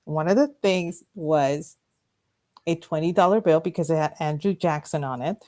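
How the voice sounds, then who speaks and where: Speaking at normal speed in a low, slightly mellow voice, a middle-aged woman co-hosts a radio talk show. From the studio she shares rambling personal stories in a casual way, frequently breaking into laughter.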